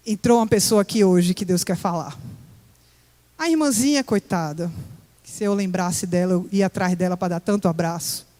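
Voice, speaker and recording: A woman's voice: mid-range voice, warm tone. A woman gives a personal testimony to a church congregation, telling her story with emotion. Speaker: church member giving testimony. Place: church hall. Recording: echoey church hall with long reverb.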